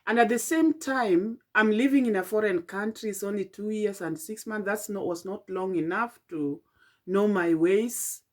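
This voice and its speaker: A middle-aged Kenyan woman telling a late-night personal vlog in a tired, halting, reflective way, with many fillers and restarts. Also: mid-range voice. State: tired and yawning. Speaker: vlogger.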